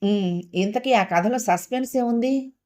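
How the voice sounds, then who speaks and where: A woman's voice: on the high side, unhurried, darkish tone, voice pushed up, natural voice. A woman voicing a tired, ironic older sister who asks dry, sceptical questions in an audio story.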